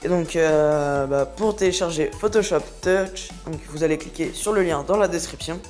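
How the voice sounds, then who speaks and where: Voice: medium pitch, moderate pace, a little mellow, faint music behind. Chatty young tutorial host. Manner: chatty, rambling, filled with hesitations. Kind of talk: casual screen-recording tutorial.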